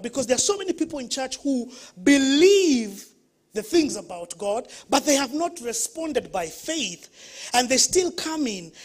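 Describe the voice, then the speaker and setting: A woman's voice: on the high side, husky. A woman pastor with a Kenyan accent preaching a sermon in church, telling stories and putting questions to the congregation. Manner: lively storytelling, questions to the congregation.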